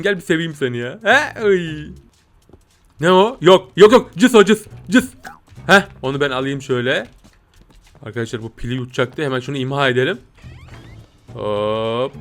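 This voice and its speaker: A young man giving playful, excitable commentary while playing a video game, often jumping to high squeals. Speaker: gameplay streamer.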